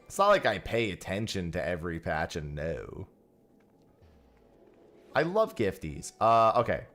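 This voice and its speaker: In this livestream, captured on a headset mic, a man plays a game, chats casually, and thanks viewers. His deep voice swings broadly in pitch, sounds a bit bright, and stays unhurried, with faint music in the background.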